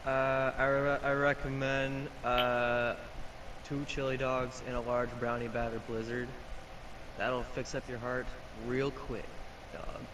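A man voicing a rude, slangy fast-food worker in an amateur cartoon skit. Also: mid-range voice, little pitch movement, a crowd in the background, natural voice. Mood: casual, hesitant. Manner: flippant, hesitant, slangy. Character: rude, slangy, dim female ice cream shop worker. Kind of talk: amateur animated comedy skit acting. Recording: noisy amateur microphone recording.

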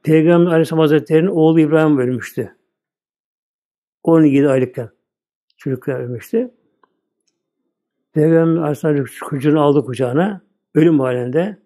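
An older man delivers a plain, conversational religious sermon as an Islamic preacher, repeating his words often. His voice is a little high and dark in tone, moving fairly quickly with frequent pauses.

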